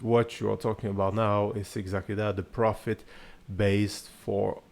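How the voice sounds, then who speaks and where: A podcast host speaks in a lowish, slightly mellow voice with a level tone, moderate pace and some vocal fry. He's from Cameroon, moved to France as a child of about seven, and conducts his conversational interview in an earnest, reflective manner.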